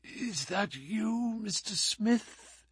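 Sherlock Holmes, crisp and imperious, read by a man. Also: sits high, expressive, normal speed, fairly bright tone, no echo, clean studio sound, voice pushed up, exaggerated voice. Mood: feeble. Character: brilliant male detective, feverish and commanding.

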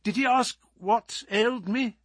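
A man voicing a brilliant, feverish male detective who speaks crisply and urgently. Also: very high-pitched, a little slow, no room sound, clean studio sound, pitched above the performer's own voice, exaggerated voice.

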